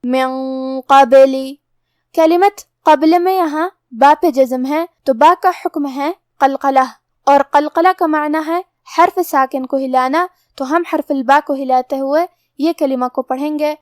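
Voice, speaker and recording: A woman teaching Quran recitation, explaining pronunciation rules in a measured, methodical way. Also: sits high, a little mellow, no echo, clean studio sound. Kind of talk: step-by-step recitation lesson.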